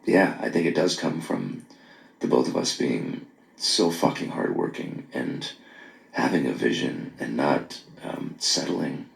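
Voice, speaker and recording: A man leaving a late-night voice message on his phone, earnest and apologetic, talking haltingly with many pauses and restarts. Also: a bass voice, expressive, creaky. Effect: voice message recorded on a phone. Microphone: phone held close. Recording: echoey phone voice memo.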